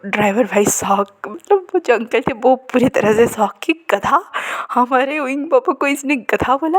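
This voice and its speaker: A woman retelling a fan fiction story in a chatty, casual way, often dropping to a hushed, whispery voice. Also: fairly high pitch.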